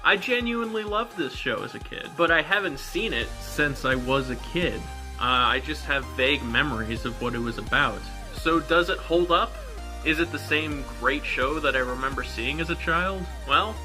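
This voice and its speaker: A man's voice: fairly high pitch, normal speed, music in the background. A man giving a comedic review of an old cartoon, with wry, joking asides. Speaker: retro game and cartoon reviewer.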